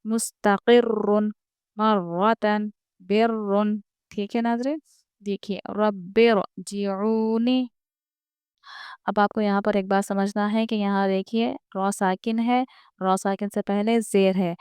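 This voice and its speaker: A woman teaches beginners step by step, patient and repetitive. Her voice is very clear and crisp, recorded close and dry. She speaks in a flat, even tone. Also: mid-range voice, no room sound. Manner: patient, repeats each rule, draws out example words slowly. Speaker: Quran reading teacher.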